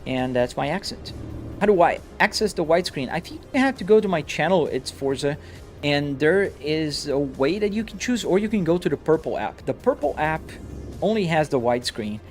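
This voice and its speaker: Soft music hums while a live streamer from Brazil, speaking with a Brazilian-American blend, chats from his home driving rig. His slightly high voice has lively intonation at a normal pace, and he replies to comments on the fly, frequently restarting sentences.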